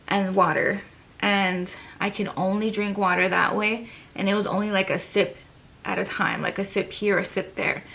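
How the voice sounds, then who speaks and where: A woman's voice: mid-range voice, vocal fry, sharp tone. A young woman vlogger chatting casually to camera, out of breath, with lots of fillers and sighs.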